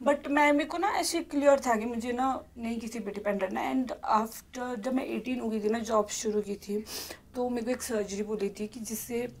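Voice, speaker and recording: A woman's voice: on the high side, steady tone, normal speed, hardly any pauses. A woman in her twenties from Himachal Pradesh, a podcast guest who talks through a painful personal story in an earnest, heartfelt way, near tears at times. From Himachal Pradesh, India. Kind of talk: emotional personal chat.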